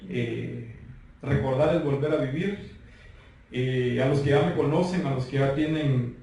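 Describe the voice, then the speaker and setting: A man turning forty with a Guatemalan Spanish accent, telling his life testimony in an earnest, measured way. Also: medium pitch, creaky, warm tone. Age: 30s. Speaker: guest giving testimony. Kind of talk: personal testimony. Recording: roomy far-off mic with faint noise.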